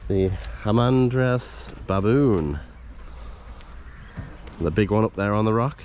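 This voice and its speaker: Chatty male vlogger in loud outdoor noise. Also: on the low side, slow. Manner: chatty, appreciative running commentary. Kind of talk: casual vlog commentary. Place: outdoors at a theme park zoo. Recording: noisy outdoor recording with vehicle sounds. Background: loud outdoor ambience.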